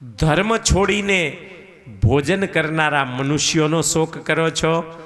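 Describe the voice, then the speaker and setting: A sorrowful one-legged bull pleads in a high, bright, slow voice, heaping up anxious questions, as a preacher puts him on. The sound rings out in a long hall reverb with a faint wash of music behind it. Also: male voice, heavily acted. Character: lame male bull of dharma, grieving, pleading.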